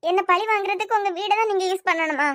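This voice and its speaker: A woman's voice: very high voice, quick pace, a bit bright, dry recording, studio quality. A woman voicing a young wife in a cartoon series, crying and accusing her husband. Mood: distraught. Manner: crying, pleading, reproachful. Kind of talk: cartoon web series voice acting.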